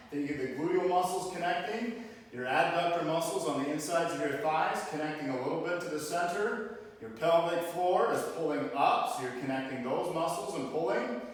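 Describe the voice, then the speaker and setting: A man leading a karate class as instructor, giving directive, step-by-step spoken exercise commands. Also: fairly high pitch. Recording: very echoey hall, distant mic, faint noise.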